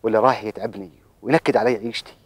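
A man's voice: fairly low pitch, steady tone, very fast, husky, no room sound. An actor in his thirties playing a lovestruck, troubled Bedouin man in a television drama, hesitant, with a Bedouin Arabic accent.

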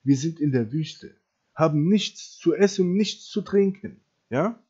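Guy preaching hard at the camera, husky voice, keeps going "ja?", dull muffled audio. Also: fairly high pitch, lively intonation, unhurried. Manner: emphatic, keeps asking "ja?", repeats and restarts phrases, loudness swings widely. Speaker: preacher addressing Christians. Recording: dull lo-fi recording.

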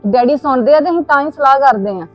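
A woman's voice: high voice, animated, fast talker. A woman acting a defiant, complaining daughter-in-law in a family drama. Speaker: actor playing a daughter-in-law. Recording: dry, slightly dull audio with music.

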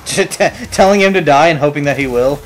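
A man casually commentating his own shooter playthrough, animated and swearing, cracking jokes. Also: fairly high pitch, moderate pace, faint music behind. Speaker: gamer playing through a shooter.

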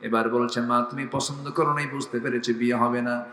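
A man preaching a sermon, acting out dialogue and rising into impassioned shouts. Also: medium pitch, level tone, fairly quick. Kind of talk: Bengali waz sermon. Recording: echoey hall with long reverb.

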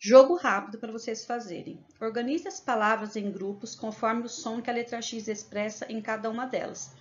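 A Brazilian woman teaching a remote lesson to young children, reading word lists slowly and clearly, then explaining tasks briskly. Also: a little high, muffled recording. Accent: Brazilian Portuguese.

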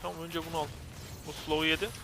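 A young man streaming a game, commentating live in an excitable way and ranting at and taunting his opponents. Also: a little high, quick pace, gravelly, music in the background.

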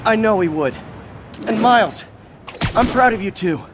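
High-voiced young superhero. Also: male voice, lively intonation, normal speed, background noise. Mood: earnest, supportive. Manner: quippy, earnest. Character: young wisecracking superhero, caring and earnest. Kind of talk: dramatic game voice acting.

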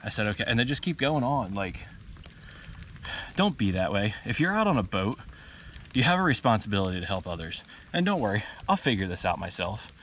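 A middle-aged man talks bluntly to his viewers, swearing freely as he stands waist-deep in a river. His voice is picked up by an action camera on the boat, and clear splashing water and wind run under it. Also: a bit bright. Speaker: fishing vlogger. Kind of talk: casual outdoor vlog. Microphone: action camera mounted on the kayak. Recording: outdoor camera audio with water noise.

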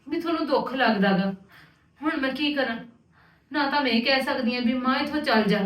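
A woman's voice: high-pitched, a bit bright, recorded from a distance. Concerned young-sounding woman, off-mic and echoey. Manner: earnest, pleading and concerned. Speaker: niece in a family drama. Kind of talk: Punjabi domestic drama acting.

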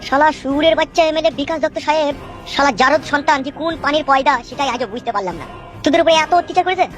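A woman's voice: fairly high pitch, lively intonation, rapid-fire, soft background music, natural voice. A woman playing a crude, swearing village man, in a comedy skit. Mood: angry. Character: crude swaggering village man, brother-in-law.

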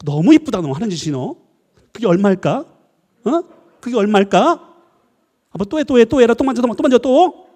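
A man acting out a sarcastic mother scolding her small child, in a raised, sharp voice, in an echoey hall. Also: very high voice, brisk, pitched above the performer's own voice. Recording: echoey hall with long reverb.

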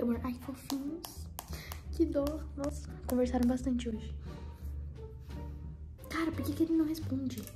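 A young woman with a Brazilian accent pranking a friend in a casual vlog, nervous and often dropping into a whisper. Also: a little high. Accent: Brazilian Portuguese. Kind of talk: casual prank vlog, reading and typing messages aloud.

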